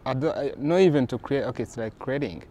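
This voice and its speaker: Talking fast at a medium pitch, a comics creator from Rwanda recounts conversations in a relaxed interview and animatedly plays out the quoted exchanges himself. There's slight background noise.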